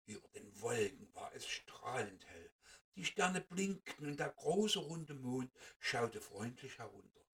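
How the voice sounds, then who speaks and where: Male storyteller reading a kids' tale, lively pitch, gravelly, mic set back. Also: a little slow, distant mic. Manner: animated, expressive read-aloud.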